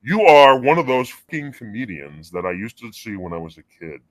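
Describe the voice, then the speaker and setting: A man in his forties calling in to a talk show through a voice changer that pitches his voice deep. He rambles and halts with many fillers and swears freely. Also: big pitch swings, brisk, dry recording. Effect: deep pitch-shifted voice changer. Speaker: caller. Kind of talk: casual call-in chat.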